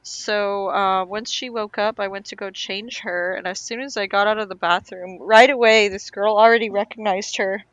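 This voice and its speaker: A woman's voice: mid-range voice, fairly even intonation, moderate pace, few pauses, a bit bright, no room sound, poor audio. Chatty woman with dry close sound. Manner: chatty storytelling, many "like" fillers. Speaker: podcast co-host. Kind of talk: casual chat.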